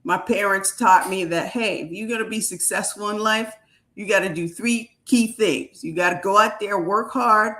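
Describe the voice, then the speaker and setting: A woman's voice: medium pitch, normal speed, a bit bright. A woman from Haiti hosting a live video chat as a wealth coach, talking in an upbeat, emphatic way.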